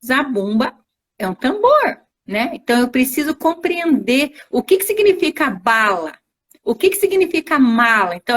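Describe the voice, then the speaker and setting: A female teacher, invited as a guest over a video call on a live stream, speaks in a fairly bright voice on the high side. She gives didactic interview answers, spelling out examples step by step and often checking in with tag questions.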